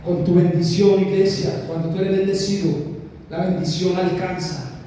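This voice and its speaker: A Colombian man preaches emphatically, repeating his key lines and calling on the church. His voice sits high but mellow. It echoes with long reverb through a large church hall, picked up from a distance over a faint hum. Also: fairly even intonation, normal speed. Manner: emphatic, repetitive preaching with direct calls to the church. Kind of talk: sermon.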